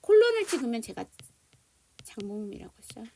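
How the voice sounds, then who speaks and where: A woman's voice: fairly high pitch, sing-song, a little fast, creaky, dark tone. A woman teaching an online English phonics lesson, explaining spelling and sounds and leading students through repetition drills.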